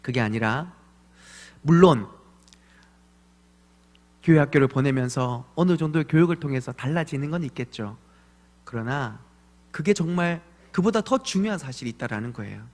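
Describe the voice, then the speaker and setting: A male pastor in his thirties giving an evening church sermon, telling animated stories and acting out voices of his children. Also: mid-range voice, moderate pace, pauses often. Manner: animated storytelling with acted voices of his kids. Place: church sanctuary. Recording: long church hall reverb.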